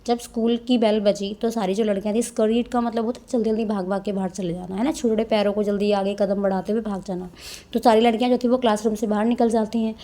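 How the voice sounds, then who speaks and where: A woman teacher, reading passages slowly and explaining them in a Hindi-mix, often adding tag questions. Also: medium pitch, dark tone. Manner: reads English lines slowly, then explains in Hindi-English mix. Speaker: English teacher. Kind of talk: explaining a textbook chapter, reading passages aloud.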